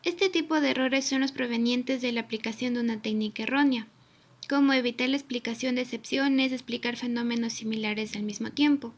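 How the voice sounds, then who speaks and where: A young woman with a high voice narrates a recorded class tutorial. She reads from a prepared script at an even, careful pace, laying out definitions and examples one after another. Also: fairly quick. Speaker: student presenter. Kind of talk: read-aloud tutorial narration.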